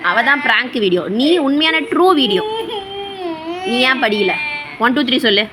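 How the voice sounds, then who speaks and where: A mother in her thirties scolding, high-pitched, questions fired again and again, hiss in the background. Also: animated. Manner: scolding, rapid repeated questioning. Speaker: mother pranking her children. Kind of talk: casual home prank video. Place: home.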